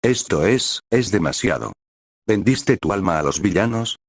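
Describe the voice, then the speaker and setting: A man's voice: low-pitched, expressive, a little slow, breathy edge, no echo, studio quality, exaggerated voice. A man reading as a tearful worried mother. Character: anxious tearful mother, middle-aged woman. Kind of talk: scripted fanfic reading.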